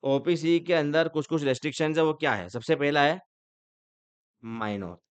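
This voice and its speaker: Crisp-voiced man lecturing with jokes. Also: a little high, moderate pace, dry recording. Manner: teasing, asks the class rhetorical questions. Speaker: company law lecturer. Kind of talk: joking classroom lecture.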